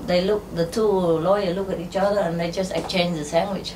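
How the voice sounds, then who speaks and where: A woman telling jokes and stories to an audience in a halting, unhurried way, with many fillers. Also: fairly low pitch, fairly even intonation. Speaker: spiritual teacher telling jokes. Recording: distant mic with faint ambient noise.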